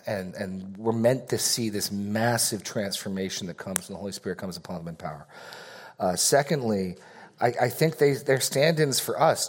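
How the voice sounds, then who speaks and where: With a lowish voice, a man leads a Bible study group, teaching casually and fielding questions. He rambles a bit, corrects himself and makes joking asides.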